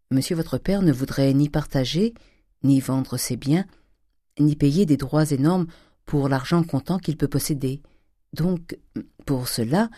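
A reader voicing a careful middle-aged male notary who speaks in measured, formal phrases. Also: mid-range voice, warm tone, no echo, studio quality, close to an everyday voice.

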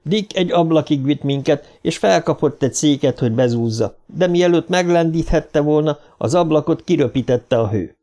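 A man narrating an audiobook in a measured, first-person storytelling manner. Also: a little high, dark tone.

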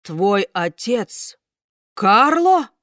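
A woman doing a huge bearded puppet master with a booming, snorting bark. He roars his orders slowly and loudly, with big sneezes, in a dry close sound. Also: animated, no echo. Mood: blustering. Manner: bellowing, snorting, sneezing explosively.

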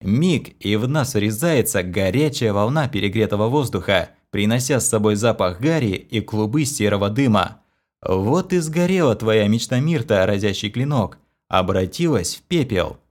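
Male narrator, low voice, dramatic measured audiobook reading. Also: animated. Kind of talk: audiobook narration of a game fantasy novel.

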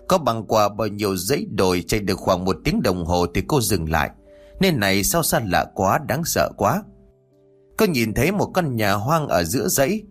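Low-voiced male horror storyteller. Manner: steady, dramatic narration. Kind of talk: scripted narration of a horror story. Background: faint music.

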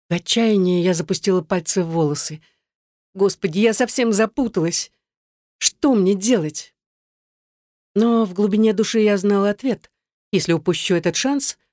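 A woman reading a first-person story aloud, in a soft and earnest narrating voice. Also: lowish voice, dry recording, clean studio sound. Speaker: audiobook narrator.

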